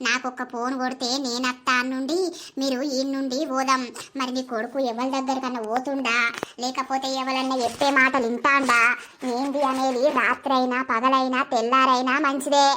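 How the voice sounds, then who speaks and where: Woman voicing a bright, bossy village neighbor. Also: high-pitched, flat delivery, a little hiss or hum. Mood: scheming. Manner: brisk, commanding, consoling.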